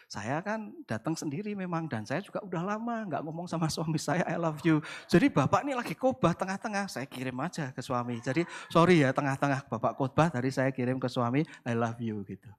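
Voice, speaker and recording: A male pastor voicing a woman from his congregation who quietly confides her hurt and apologizes. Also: medium pitch, voice pushed down, close to an everyday voice.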